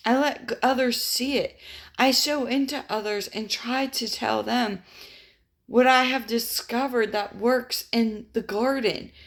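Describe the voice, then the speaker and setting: A woman's voice: on the high side, fairly even intonation, measured pace. A woman giving an informal, earnest sermon, talking conversationally with repeated words and emphatic rises. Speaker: ministry speaker. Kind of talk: informal preaching to camera.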